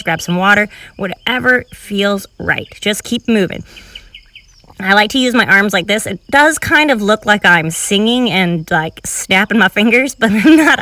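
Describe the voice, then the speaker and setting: Breathless, bright female fitness instructor. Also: mid-range voice, no room sound, far from the mic. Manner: encouraging, counts reps aloud while moving. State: slightly out of breath. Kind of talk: cueing a home cardio workout while exercising. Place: filmed outdoors in public.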